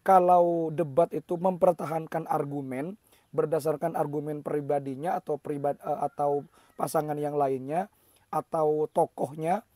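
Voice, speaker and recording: A slightly hoarse man hosting an explanatory commentary, talking in a measured way with frequent hesitation fillers. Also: fairly high pitch, steady tone, mellow, dry recording. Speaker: host.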